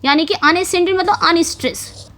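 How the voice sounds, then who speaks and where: A woman with a very high, slightly bright voice speaks at a normal speed while teaching an English exam-prep lesson. She explains step by step, frequently checking in with "ठीक है" and "समझ में आ गया".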